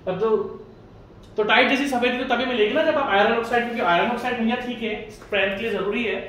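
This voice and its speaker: A man teaching an exam-prep class in a chatty, easygoing way. He keeps posing questions and answering them himself. His high voice comes from some way off the mic in a very echoey room, with faint background hiss. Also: quick pace, a bit bright, far from the mic. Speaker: engineering exam tutor. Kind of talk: casual Hindi lecture.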